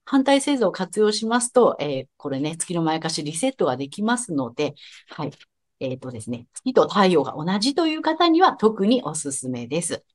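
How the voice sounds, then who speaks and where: A woman's voice: fairly low pitch, big pitch swings, a little fast. A woman astrologer giving a podcast astrology reading, polite and explanatory. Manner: polite, explanatory, with soft agreeing murmurs.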